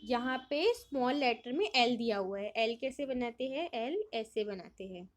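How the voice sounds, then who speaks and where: A woman's voice: on the high side, normal speed. A woman teacher explaining a worksheet to young children, reading English lines and then explaining them in Hindi, asking questions and answering them herself.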